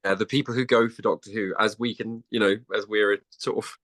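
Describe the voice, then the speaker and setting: A man, a podcast guest chatting and telling stories in an animated way, often restarting sentences. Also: fairly low pitch, brisk. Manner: animated storytelling with many restarts. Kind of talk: casual chat.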